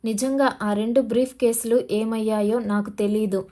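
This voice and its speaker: A woman's voice: a little high, fairly even intonation, normal speed, warm tone, lightly acted. A woman narrator voicing a desperate male police officer who is pleading and defiant, in an audio novel.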